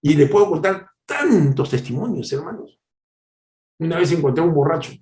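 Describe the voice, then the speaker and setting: A middle-aged male pastor delivers a devotional sermon, his fairly high voice leaping and dipping as he tells stories. He jumps from loud cries to hushed asides, and the sound carries a roomy echo. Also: moderate pace. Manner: animated storytelling that swings from loud exclamations to hushed asides.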